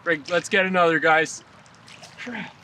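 A man's voice: fairly high pitch, measured pace, a little hiss or hum. A man talking casually and animatedly to the camera outdoors on a lakeshore, poking fun at himself. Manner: animated, self-mocking. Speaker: fishing vlogger.

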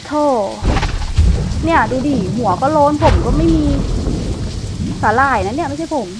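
A woman's voice: high voice, measured pace, heavy background noise. A woman streaming a horror game, casually commentating and teasing the ghosts with brash, crude slang.

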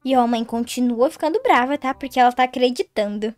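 A woman's voice: fairly high pitch, fast talker, darkish tone, soft background music, natural voice. A woman voicing a playful, scheming teenage daughter of the house in a game role-play. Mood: conspiratorial. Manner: teasing, conspiratorial.

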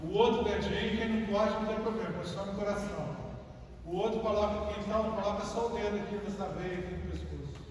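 A high-voiced man with a Brazilian Portuguese accent preaches into a handheld mic in a large church. He calls out questions, then slows to a soft, slow voice. The sound comes from far back, with a long echo. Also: noisy background. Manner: calls out questions to the crowd, then speaks softly and slowly. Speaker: deacon. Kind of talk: sermon talk to a church group. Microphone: handheld mic, filmed from the pews.

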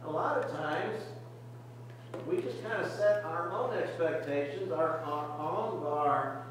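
Casting: older male preacher, high voice, earnest sermon delivery, distant mic in a reverberant sanctuary. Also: slow pace, slight background noise. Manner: earnest, repetitive exhortation with frequent restarts. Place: church sanctuary, medium size, indoors. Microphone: podium mic, camera far at back of room. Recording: very echoey distant church recording.

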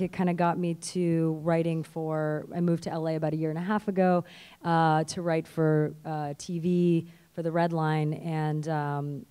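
A woman's voice: low voice, darkish tone, smooth. A middle-aged woman from Canada speaking on a convention panel into a handheld mic, chatty and self-deprecating. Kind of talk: panel talk. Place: stage in a convention hall.

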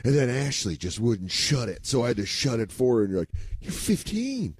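A man co-hosting a podcast, a making deadpan jokes and acting out quotes in casual chat. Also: medium pitch, normal speed, husky, no room sound, studio quality. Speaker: podcast co-host.

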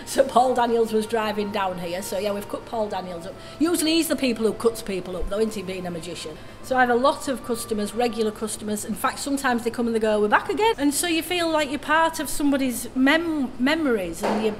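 A woman who runs a café, telling anecdotes in a lively, laughing way. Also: a little high, quick pace, hardly any pauses. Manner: lively, laughing, animated storytelling. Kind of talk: casual anecdote interview.

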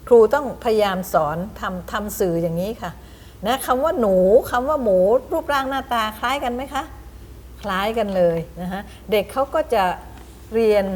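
A middle-aged woman teaches a room of teachers, spelling words out slowly and showing each step. She keeps asking her listeners questions as she explains. Her voice is mid-pitched, with faint noise behind it. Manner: explains with demonstrations; asks the audience questions. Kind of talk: lecture to teachers.

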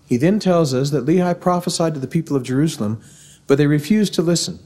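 Standing at a podium mic in a big university auditorium, a middle-aged Missourian delivers a formal devotional talk, measured and earnest. His accent is warm and mellow, and his voice runs a little high.

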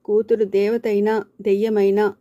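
Mellow-voiced woman reading a story. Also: medium pitch, level tone, moderate pace, no room sound, lo-fi sound. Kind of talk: read-aloud story narration.

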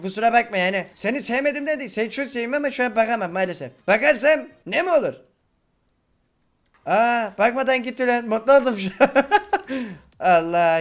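Brief: male gaming YouTuber, very high voice with a gravelly edge, excitable play-by-play. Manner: excitable, loud exclamations, chatty with viewers. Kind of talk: Minecraft gameplay commentary.

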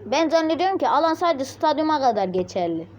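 A high-voiced woman streaming a mobile game, talking to herself and her viewers in a chatty running commentary. She keeps breaking into sudden shrill yelps and insults at opponents. A faint hiss of noise sits under her voice. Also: big pitch swings, quick pace, darkish tone, lo-fi sound. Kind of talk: casual gameplay commentary.

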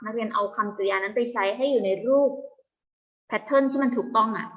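A Thai woman teaching an online English lesson to young pupils, patiently asking check questions and slowly repeating English words with a Thai accent. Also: a little high, highs cut off. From Thailand. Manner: patient, asks students frequent check questions. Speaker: primary school English teacher.

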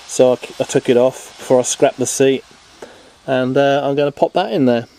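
This boat vlogger sounds warm, with a medium pitch, a moderate pace and slight background noise. He films his repair outdoors in a garden workshop on a handheld camera, chatting through the how-to loosely, with lots of ums and some self-deprecation.

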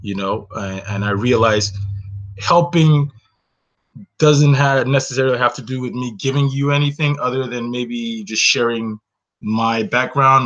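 The speaker is a Hausa-speaking man in his thirties from Northern Nigeria, his voice low and a bit bright. He hosts a reflective webinar by himself from a small bedroom, recounting his story earnestly with frequent "you know"s, captured on a close webcam with a dull lo-fi quality.

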